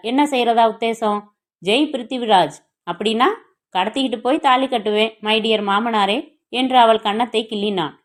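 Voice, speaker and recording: Lady narrating a crime novel audiobook, slightly high voice, plays every part herself. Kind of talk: reading a crime novel aloud, voicing all characters.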